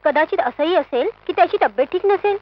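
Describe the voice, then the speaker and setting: A brisk older sister who teases her younger sibling. Her voice is very high and animated. The audio is dull, with faint film music behind it. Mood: concerned. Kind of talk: film acting.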